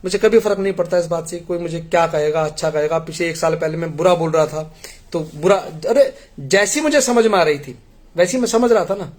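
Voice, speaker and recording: Earnest high-voiced man pleading with congregation. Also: a little fast. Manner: earnest, pleading, tells parables. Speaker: devotee addressing the congregation. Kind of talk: devotional appeal.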